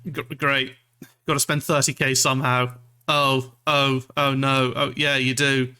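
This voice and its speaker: Male VTuber from Scotland, bright voice, mid pitch, loose rambling livestream chat, self-deprecating, sweary. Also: little pitch movement, measured pace. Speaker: streamer, VTuber.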